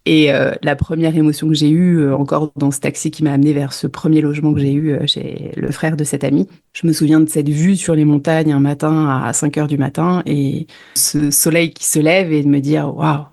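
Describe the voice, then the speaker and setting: A woman's voice: deep voice, level tone, moderate pace, vocal fry, darkish tone. A French woman guest recounting her travels in a casual interview, hesitant with many fillers and restarts. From France.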